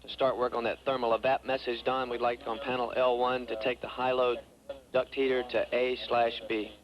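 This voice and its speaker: A man making astronaut radio calls from mission control, giving measured procedural instructions. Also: medium pitch, flat delivery. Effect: radio transmission. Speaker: capsule communicator in mission control. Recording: dull radio link with clear noise.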